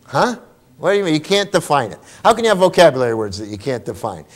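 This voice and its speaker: A man giving a lively workshop talk to teachers, asking rhetorical questions and checking in with the room. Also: fairly high pitch, fast. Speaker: teacher trainer.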